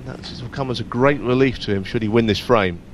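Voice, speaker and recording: A man giving hushed live snooker commentary in measured, analytical asides between shots. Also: medium pitch. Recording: noisy arena with audience behind. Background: audience and hall noise.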